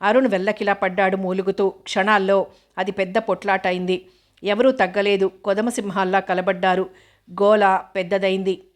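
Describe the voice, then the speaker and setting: A woman narrates a novel in a measured, steady reading voice. Her pitch is mid and barely moves, keeping an even, flat line. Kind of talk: scripted audiobook narration.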